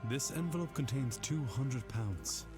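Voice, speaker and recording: A man voicing a grave letter writer over loud music. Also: medium pitch, lively intonation, measured pace, close to an everyday voice. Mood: urgent. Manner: grave, formal and urgent. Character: man writing an urgent, pleading letter. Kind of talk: video game voice acting.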